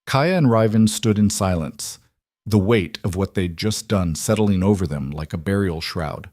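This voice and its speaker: Low-voiced male fantasy narrator. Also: darkish tone, no echo, clean studio sound. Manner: dramatic, measured storytelling. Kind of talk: scripted audiobook narration.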